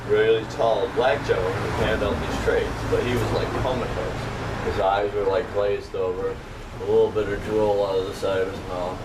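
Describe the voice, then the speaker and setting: A man from Norwich, in upstate New York, tells a long, rambling personal story in casual chat. His voice is lowish at a normal speed, and a distant mic picks it up with steady background noise.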